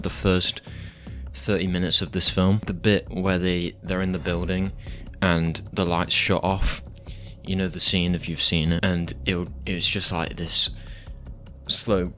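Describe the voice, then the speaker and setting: A man's voice: deep voice, fairly bright tone. A man giving casual film reviews in a laid-back, rambling, slightly hesitant way.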